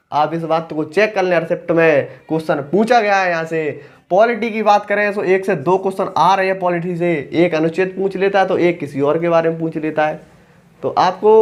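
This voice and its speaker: Young male exam coach, high-pitched, blunt and colloquial, teasing the examiner. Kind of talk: exam analysis talk to aspirants.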